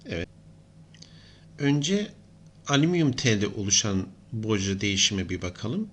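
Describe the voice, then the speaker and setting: A man's voice: on the low side, lively intonation, unhurried, slight background noise. A middle-aged man giving an engineering lesson, explaining steadily and thinking aloud as he writes. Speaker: engineering lecturer. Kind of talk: whiteboard lesson.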